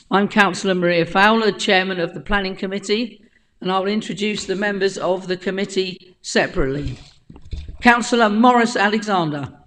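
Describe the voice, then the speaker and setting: A woman with a croaky voice chairing a council planning committee, politely reading out procedures and names. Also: on the low side, poor audio. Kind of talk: formal meeting procedure. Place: council chamber.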